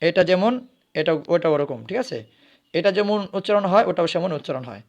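A man teaches recitation. He spells words out letter by letter, asks questions and answers them himself, then chants the words slowly. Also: high voice, lively intonation.

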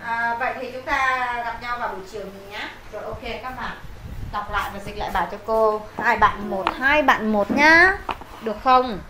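A woman's voice: a little high, normal speed, noisy background. A Vietnamese woman teaching an English lesson in a classroom, reading lines aloud, translating them and drilling vocabulary with repetition.

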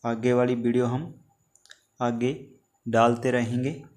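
Slow, flat-voiced male teacher dictating. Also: medium pitch. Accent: Haryanvi-tinged Hindi. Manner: repeats each definition word by word for copying. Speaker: school teacher. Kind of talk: slow dictated grammar lesson.

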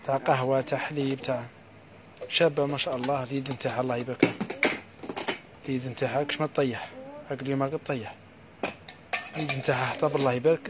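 Rapid-fire Algerian salesman. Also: medium pitch, noisy background. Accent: Algerian Arabic. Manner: rapid patter, repeating blessings and prices. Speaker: housewares shop seller. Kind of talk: live product sales pitch.

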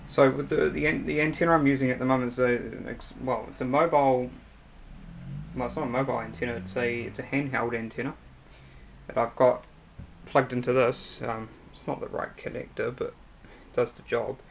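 This young adult hobbyist with a New Zealand accent demonstrates his project casually, halting often and pausing between thoughts. His voice is mid-range, gravelly, and fairly even in intonation. It's a noisy amateur recording made indoors in a small, cluttered room at home.

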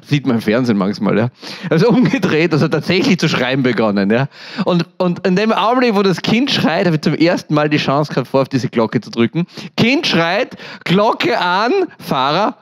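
A man with an Austrian German accent, giving a lively storytelling sermon at a church, acting out voices and laughing often. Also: on the high side, normal speed. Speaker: church speaker.

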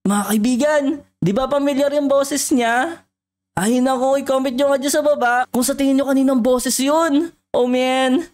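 A woman hosting a Minecraft role-play channel, excitable and talking straight to her viewers. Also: high voice, normal speed. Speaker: gaming YouTuber, host.

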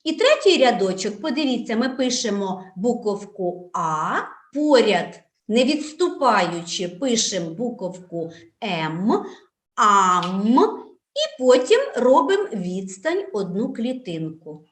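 A woman teaching young children to read, sounding out syllables patiently and slowly in a sing-song way. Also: medium pitch, big pitch swings, reverberant. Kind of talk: online preschool reading lesson.

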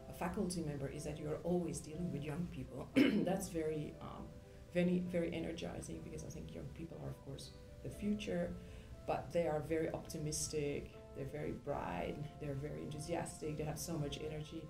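A woman's voice: low voice, a little fast, gravelly, reverberant, music in the background, poor audio. A middle-aged woman from Belgium, an engineering professor, answering interview questions thoughtfully with many ums and restarts. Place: indoor room.

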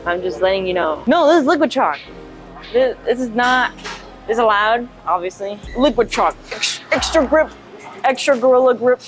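A woman's voice: fairly high pitch, expressive, moderate pace. Young woman rambling casually on a lapel mic. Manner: rambling, heavy on filler words. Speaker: powerlifter. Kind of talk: casual vlog chat. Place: indoor gym. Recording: background music under the voice.

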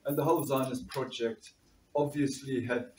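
Standing at a panel table in a bright meeting room, a doctor in his sixties with a South African accent speaks earnestly, reading numbers off notes and frequently starting over. His voice sits in the mid-range with fairly even intonation and a moderate pace. A distant camera captures him against a noisy background, and the room echoes.

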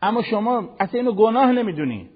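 An older man giving a televised religious lesson, preaching in an animated, conversational way with everyday examples. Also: high-pitched, breathy edge, long reverb tail, lo-fi sound. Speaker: Quran teacher.

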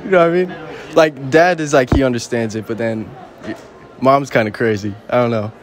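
A young man in his early twenties, with a mid-pitched voice, answers questions out on a city street. He talks in a relaxed, frank way and rambles in casual slang. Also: brisk, some chatter behind. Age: young adult. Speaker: passer-by being interviewed.

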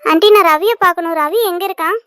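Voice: very high voice, fast, bright, forceful tone, no room sound, studio quality. A performer voicing a remorseful young woman from a rich family who pleads and apologizes in a cartoon. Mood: pleading. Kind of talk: cartoon voice acting.

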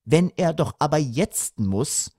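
A man reading an audiobook voices a sharp-tongued, pointed middle-aged mother. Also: a little high, animated, takes it slowly, slightly rough, no room sound, studio quality, pitched above the performer's own voice, full character voice.

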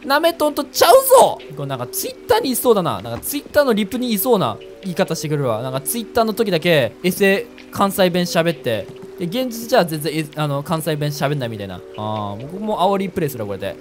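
A man's voice: a little high, very animated, fairly quick, few pauses. A young man chatting casually and reacting jumpily as he plays a horror game, with game music behind.

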